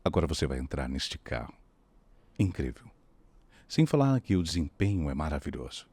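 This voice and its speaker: A Brazilian man playing a smooth commercial announcer in a low, velvety voice. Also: sing-song, moderate pace, a little mellow, no echo, heavily acted. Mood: seductive. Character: smooth, deep male ad announcer.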